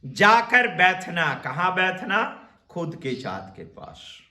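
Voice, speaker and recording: A man gives a spiritual discourse, slow and deliberate, repeating each phrase for emphasis. His voice is bright and fairly high, rising and falling widely. The room around him rings with echo. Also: huge pitch swings. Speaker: Upanishad teacher.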